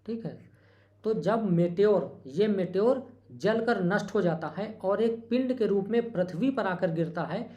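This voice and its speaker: In a muffled recording, a teacher with a medium-pitched, expressive, mellow voice lectures to prepare students for an exam. Key terms are repeated, rhetorical questions are asked, and tiny mistakes get a swift apology as they're corrected.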